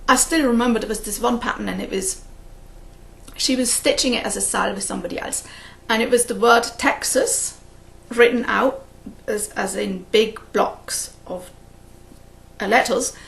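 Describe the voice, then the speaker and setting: This flosstube host, a native English speaker, talks casually to the camera about cross-stitch, rambling and often laughing at her own stories. Her mid-range voice is steady and a bit bright, with vocal fry and a measured pace.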